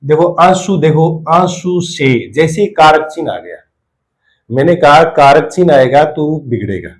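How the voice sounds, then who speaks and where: Male grammar teacher, slightly raised pitch, drills and repeats examples for exam students. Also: animated, low-quality recording. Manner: repeats key terms, drills example sentences slowly. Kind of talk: exam-prep grammar lesson.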